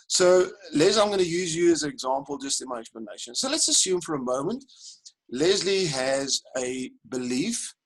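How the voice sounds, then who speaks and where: A man leads a live coaching webinar, speaking to his audience directly and animatedly. His voice sits a little high for a man. He sounds like he is on a video call. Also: husky, poor audio. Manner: animated, addresses audience directly, counts them in. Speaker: life coach and webinar presenter. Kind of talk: live online coaching lesson.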